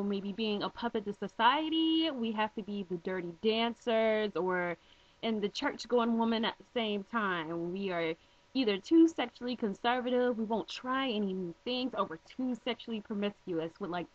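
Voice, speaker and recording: A woman vlogging a direct-to-camera response, blunt and emphatic, posing pointed rhetorical questions. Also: fairly high pitch. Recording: dull lo-fi home video audio.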